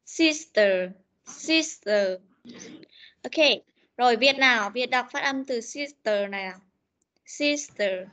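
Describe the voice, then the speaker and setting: A young woman teacher runs an online pronunciation drill. Her voice is bright and fairly high, and she corrects and repeats words slowly and patiently. It sounds like a video call mic. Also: animated. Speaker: English teacher.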